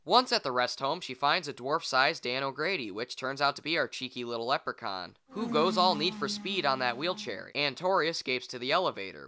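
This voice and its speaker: A man delivers a scripted film review with blunt sarcasm and casual swearing. His voice is bright and crisp, sitting at an average pitch. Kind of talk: scripted comedic review narration.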